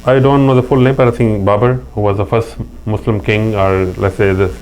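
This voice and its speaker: A middle-aged man from Pakistan, speaking with a Pakistani accent, is a guest in an easygoing interview, sharing earnest anecdotes and frequently restarting. His voice is fairly low and a bit mellow, with a level tone and a slightly fast pace. A faint mains hum is audible.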